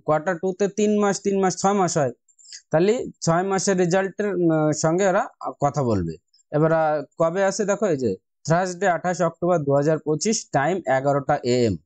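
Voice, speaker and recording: A man who hosts investing tutorials narrates a relaxed step-by-step lesson, speaking to viewers as friends and instructing them. His Indian Bengali-accented voice is a little high with a darkish tone, and the recording has no room sound.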